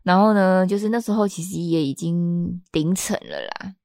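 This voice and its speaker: A woman, hosting a podcast and telling a personal story in a chatty, expressive way. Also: on the low side, moderate pace, creaky, no echo, studio quality. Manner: chatty and expressive, acts out the people she quotes. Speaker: podcast host.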